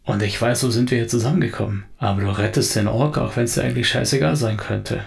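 A man doing a gruff, loyal bodyguard. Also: medium pitch, fast talker, soft background music. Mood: frank.

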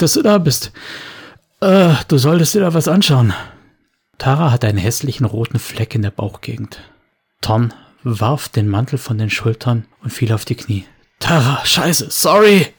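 A man telling a story and voicing the characters' dialogue himself, with a lively manner. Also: husky. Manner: lively, voices characters with raised pitch and volume. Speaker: narrator.

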